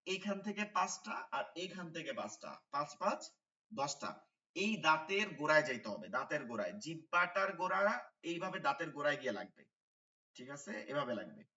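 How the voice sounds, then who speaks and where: A man's voice: on the high side, pushed and bright, roomy sound, recorded from a distance, highs cut off. A man teaching Quran letter pronunciation in an online class, patiently repeating the sounds and checking with his students. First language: Bengali.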